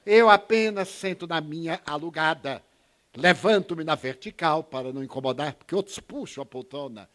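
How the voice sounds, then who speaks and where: Animated older man telling a story. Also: normal speed. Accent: Bahian Brazilian Portuguese. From Bahia, Brazil. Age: 80s. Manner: storytelling, acts out dialogue with shifts in pitch and volume. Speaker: spiritist speaker. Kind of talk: inspirational talk with anecdotes.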